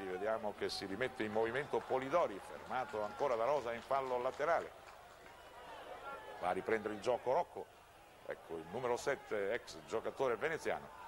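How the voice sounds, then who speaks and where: A man giving live television football commentary, describing the play as it runs and adding reflective asides. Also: medium pitch. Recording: noisy old TV broadcast audio. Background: outdoor stadium ambience.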